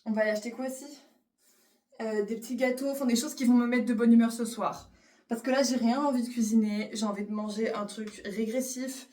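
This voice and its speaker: A woman's voice: fairly high pitch, steady tone, brisk, darkish tone, recorded from a distance. Chatty young woman vlogging, echoey room. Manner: chatty, rambling, many fillers, mixes in English. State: tearful after crying. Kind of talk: casual vlog chat.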